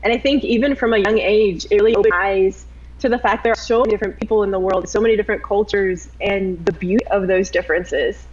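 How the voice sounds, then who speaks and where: A woman from Tennessee, a filmmaker on a panel, speaking earnestly and in a measured way. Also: medium pitch, fairly even intonation, a little mellow, slight background noise. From Tennessee, USA. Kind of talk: panel discussion answer. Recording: slightly dull lo-fi audio.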